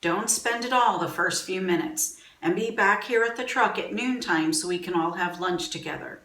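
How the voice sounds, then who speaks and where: A calm easygoing farm father, read by a woman. The voice is plain and reassuring, heard from a distance in a roomy space with faint music behind. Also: medium pitch, normal speed, close to an everyday voice.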